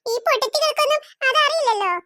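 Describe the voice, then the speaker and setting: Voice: very high voice, quick pace, pushed and bright, no echo. A voice actor doing a gloating scheming cartoon aunt. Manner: gloating, bragging, mock-sweet. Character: greedy boastful scheming aunt, adult woman. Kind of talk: Malayalam cartoon voice acting.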